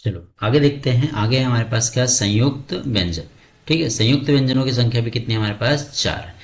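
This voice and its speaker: A man with a medium-pitched, slightly fast voice teaches an exam-prep grammar lesson, putting questions to the class and answering them himself. He often calls his students "bhai."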